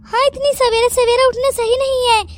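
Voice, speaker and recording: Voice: very high-pitched, level tone, normal speed. A voice actor playing a two-faced young daughter-in-law in a Hindi cartoon story, sugary in front of guests. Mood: sweet. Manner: sugary and polite.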